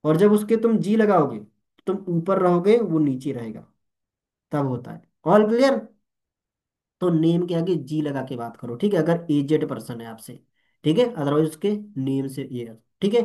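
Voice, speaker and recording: Training network marketers, this young man speaks animated Hindi laced with English words, constantly checking in with "ठीक है?" and "All clear?" in a motivational style. His fairly high-pitched voice is unhurried.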